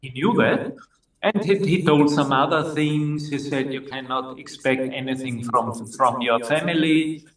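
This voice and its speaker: An older man from Austria with an Austrian German accent, telling his personal story in a slow, halting way with many pauses. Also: medium pitch, fairly bright tone. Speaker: interviewee. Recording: echoey room, distant mic.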